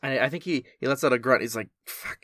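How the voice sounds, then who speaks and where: A man running a tabletop game as game master, calmly narrating action and calling out dice results. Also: mid-range voice, very fast, no echo, studio quality. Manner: relaxed, matter-of-fact narration with dice results.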